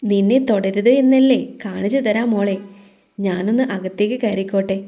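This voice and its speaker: A woman's voice: mid-range voice, steady tone, normal speed, dark tone, natural voice. A woman voicing a playful, teasing young husband in a romantic audio story. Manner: teasing, mischievous.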